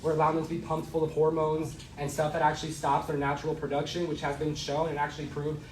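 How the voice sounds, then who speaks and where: A man's voice: a little high, monotone, quick pace. A young man moderating a student debate, firm as he calls the room to order and then argues his side. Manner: firm, calling for quiet. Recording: echoey room, distant mic, faint noise.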